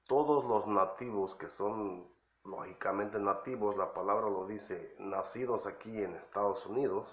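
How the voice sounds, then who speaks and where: A man teaching English phrases in a slow, explanatory lesson, repeating each phrase with frequent fillers. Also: on the low side. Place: in the United States. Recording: echoey room, slightly dull.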